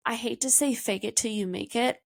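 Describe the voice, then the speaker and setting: A woman speaking as a hospice nurse in a calm, reassuring and confident tone with little inflection, giving an educational talk with personal stories. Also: fairly high pitch, a little fast, vocal fry.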